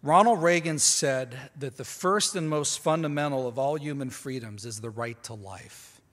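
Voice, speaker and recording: A man addresses a conference audience from a podium microphone, his voice at a middling pitch with a long reverb trailing behind it. He speaks with emphasis, doubles words as he restarts, and breaks off to put questions to the room. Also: normal speed, fairly bright tone. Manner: emphatic, often repeats words when restarting; talks directly to the audience with asides. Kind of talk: conference lecture. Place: large conference hall.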